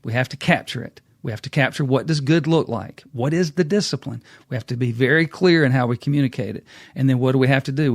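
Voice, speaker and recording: A man's voice: on the high side, darkish tone, no room sound. Folksy man, dry close sound. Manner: folksy storyteller acting out quotes. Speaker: podcast host. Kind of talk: casual business talk.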